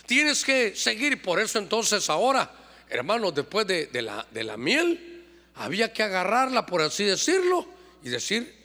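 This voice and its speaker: A man's voice: sits high, huge pitch swings, normal speed, pushed and bright. A middle-aged man preaching a sermon as pastor, calling out to the congregation and drawing them into call-and-response. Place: church. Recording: long church-hall reverb.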